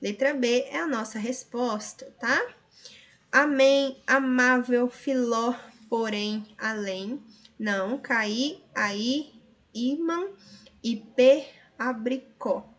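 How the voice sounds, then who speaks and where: Patient Brazilian woman teacher, higher voice. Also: slow pace, a bit bright. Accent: Brazilian Portuguese. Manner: patient, explaining step by step with frequent tag questions. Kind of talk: recorded lesson reviewing answers.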